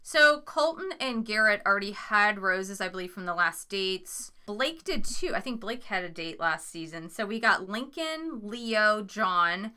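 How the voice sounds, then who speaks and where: A woman's voice: medium pitch, animated, measured pace, few pauses, bright, forceful tone, clear, resonant tone. A woman co-hosting a podcast, chatting casually and laughing often as she recaps a reality show. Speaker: podcast co-host.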